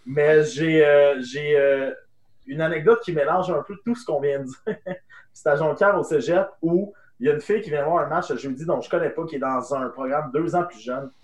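Young québécois guy telling a wild story, goes quiet for punchlines, roomy echo. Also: a little high, moderate pace. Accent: Québécois French. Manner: animated anecdote telling, dropping to hushed tones for the punchlines. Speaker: improv guest. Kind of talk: casual storytelling.

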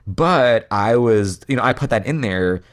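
A man's voice: medium pitch, animated, measured pace. A man talking casually in an interview about writing a song, rambling with many fillers and restarts. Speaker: songwriter guest.

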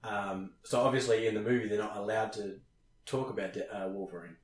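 A man chatting casually on a podcast, relaxed as he tells an anecdote. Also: on the low side, brisk. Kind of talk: casual chat. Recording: roomy echo.

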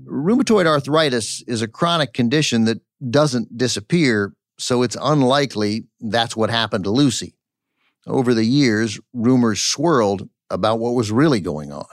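A man's voice: mid-range voice, expressive, moderate pace, no echo, clean studio sound. A man hosting and narrating a scripted audio documentary. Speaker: podcast host and narrator. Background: faint music.

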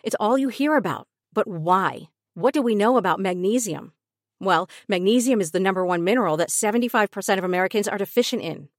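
A woman's voice: mid-range voice, lively intonation, brisk, dry recording, clean studio sound. A woman reading a scripted supplement advertisement in a polished, persuasive voice. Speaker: ad announcer.

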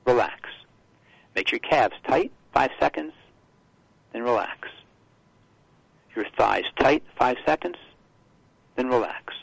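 A man talking as a health guest on a radio show, explaining in a halting way with restarts. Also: medium pitch, creaky, husky, no echo, rough recording.

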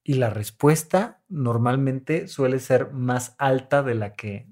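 A man's voice: mid-range voice, slow, a little mellow. A Mexican-accented male therapist on a podcast. He coaches his listeners in a demonstrative way and acts out breaths and sighs as he explains. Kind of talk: podcast talk on emotions.

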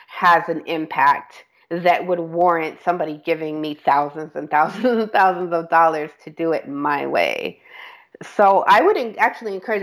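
A creative director appears as a podcast guest, talking candidly in a casual interview, chatty and correcting herself along the way with the occasional laugh. Her voice sits low, and the recording is rough.

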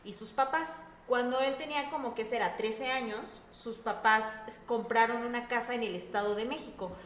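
A young woman with a Mexican accent hosting a casual podcast, reacting loudly and laughing easily. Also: fairly high pitch, normal speed, slight background noise. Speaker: podcast host. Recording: echoey room.

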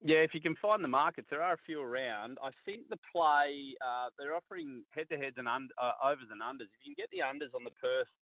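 A man's voice: on the high side, expressive, fairly quick, hardly any pauses, dry recording. Blokey Australian man on a phone line. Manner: blokey, laid-back Aussie mateship slang. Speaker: sports pundit and former player. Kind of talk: casual radio sports chat.

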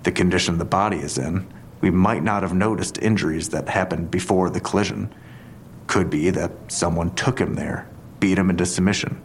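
In an audio drama, a police detective reasons deliberately and analytically in a very low voice. His mood is measured and speculative, and a faint rumble sits beneath the recording.

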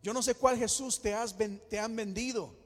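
High-voiced emphatic male preacher in a church. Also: fairly even intonation, moderate pace. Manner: emphatic, dramatic build-ups with repeated exclamations. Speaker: pastor. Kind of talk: sermon. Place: church hall. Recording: church hall reverb with soft music.

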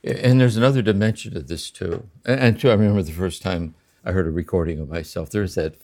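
An older man in a slow, contemplative spiritual conversation, often checking in with "See?". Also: sits low, darkish tone. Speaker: podcast host and spiritual teacher.

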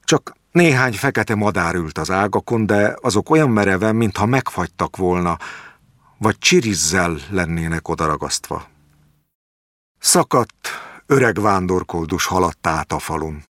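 A man narrating a literary short story in a measured, expressive way. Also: low-pitched, no echo, clean studio sound.

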